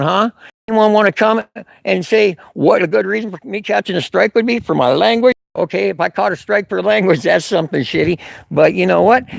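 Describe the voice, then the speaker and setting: Gravelly, high-voiced angry man streaming. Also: fairly bright tone, no echo. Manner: angry, profane, sarcastic, with chuckles. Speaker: livestreamer filming local police. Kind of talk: live-streamed rant reading chat comments. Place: outdoors on a street corner. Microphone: handheld camera.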